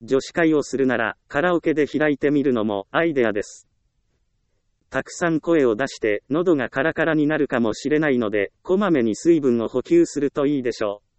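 A man giving scripted self-help narration in a calm, measured reading with frequent short pauses. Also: medium pitch, clear, resonant tone, dry recording.

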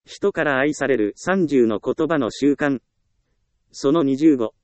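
A man narrating a self-help book in a calm, measured reading voice with even pauses. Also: mid-range voice, dry recording. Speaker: audiobook narrator.

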